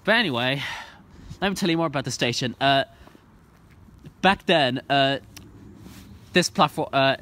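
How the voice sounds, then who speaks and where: On an outdoor train platform, an Irish trainspotting vlogger in his youth films with his phone, speaking at medium pitch in a bright, forceful tone. His casual narration is eager and rambling, peppered with ums and restarts, captured by the handheld phone camera.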